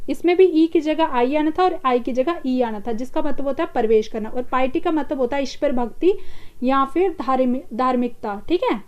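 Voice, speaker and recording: An Indian woman teaching an exam-prep English vocabulary lesson, explaining in Hindi and reading the English answer options slowly. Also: high voice, a little mellow.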